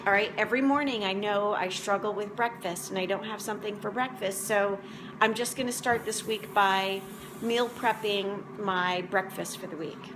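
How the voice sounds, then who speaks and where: Speaking at normal speed and medium pitch, a woman in her forties hosts a motivational vlog and coaches food prep. She rambles casually to the camera while a noisy background plays behind her.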